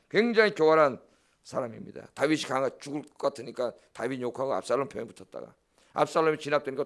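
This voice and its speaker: A middle-aged man, a pastor preaching a dawn service sermon in an emphatic, blunt way, often checking in with the congregation. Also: medium pitch. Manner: blunt, scolding asides.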